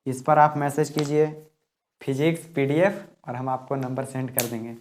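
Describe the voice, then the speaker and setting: A man's voice: mid-range voice, moderate pace, a little mellow, slight background noise. A man teaching a physics class at a board, explaining step by step and repeating key words, his voice drifting off-mic while he writes.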